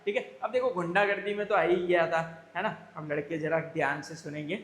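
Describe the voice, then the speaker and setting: A man's voice: fairly high pitch, fairly even intonation, moderate pace, a bit bright. A male teacher giving a playful classroom lecture, teaching with comic memory tricks and calling his students "beta". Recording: echoey classroom with long reverb.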